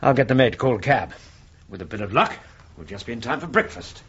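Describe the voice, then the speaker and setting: An actor playing a kindly, brisk Victorian doctor with an English accent, courteous and reassuring as he acts and narrates in a radio drama. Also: mid-range voice, expressive, a bit bright, slightly rough, highs cut off.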